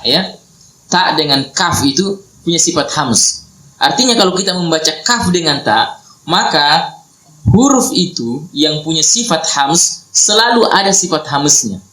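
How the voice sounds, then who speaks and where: A man's voice: a little high, bright, forceful tone. Man teaching tajwid in an echoey room. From Indonesia. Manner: patient, repetitive, quizzes listeners. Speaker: Quran recitation teacher. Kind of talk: classroom tajwid lesson. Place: study hall at an Islamic boarding school. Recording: roomy echo.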